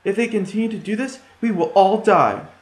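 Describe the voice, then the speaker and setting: A man voicing a greedy stepmother who schemes against the children, talking loudly and slowly in an alarmist way. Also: sits high, pitched above the performer's own voice, natural voice. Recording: echoey room.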